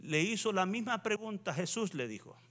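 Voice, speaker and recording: A male pastor preaching a sermon in a church, swinging from hushed reading to fervent, raised exhortation. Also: high voice, lively intonation, normal speed.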